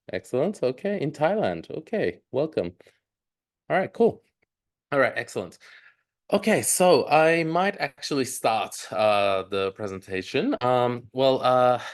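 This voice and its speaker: A man in his thirties, raised in Australia, giving a live online presentation with many ums and uhs. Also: fairly low pitch. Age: 30s. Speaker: webinar presenter.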